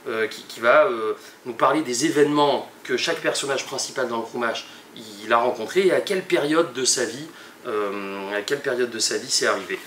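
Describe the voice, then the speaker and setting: A young man, a teacher, presenting a project in a halting way with many pauses and restarts. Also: medium pitch, a bit bright, slight background noise. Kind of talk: hesitant spoken presentation. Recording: echoey room, mic at a distance.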